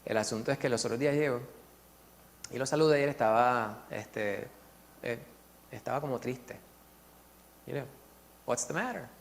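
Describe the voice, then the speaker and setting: A man's voice: mid-range voice, fairly even intonation, moderate pace, long pauses, in a large hall, slight background noise. Chatty Puerto Rican man teaching Bible study. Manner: chatty, leans on fillers and tag questions. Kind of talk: conversational Bible study talk with personal stories.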